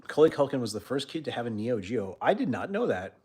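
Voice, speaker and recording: A man's voice: mid-range voice, very animated, fast talker, breathy edge. Rambling young man chatting on stream. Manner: rambling, lots of "like" fillers; trails off quietly at sentence ends. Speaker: host. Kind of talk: casual livestream chat.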